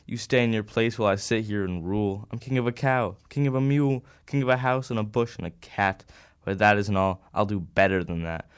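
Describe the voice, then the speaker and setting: A woman's voice: rumbling low, a little fast, smooth, no room sound, clean studio sound, pitched below the performer's own voice. A woman voicing a boastful, self-important male turtle king in a storybook reading. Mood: bossy.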